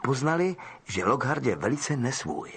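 Reading a novel aloud as an audiobook narrator, a man tells the story with expression. His voice sits in the mid range and has a breathy edge, delivering scripted narration.

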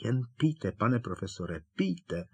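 A man voicing a desperate teenage boy wizard who begs and coaxes in a raised, strained, husky voice. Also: mid-range voice, very animated, darkish tone. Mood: coaxing. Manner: urgent, begging, raised and strained.

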